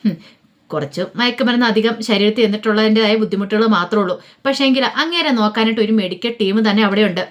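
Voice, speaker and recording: A woman voicing a scheming man who makes cold, menacing demands in a fast-told story recap. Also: medium pitch, natural voice. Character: Sreekanth, a scheming, threatening brother.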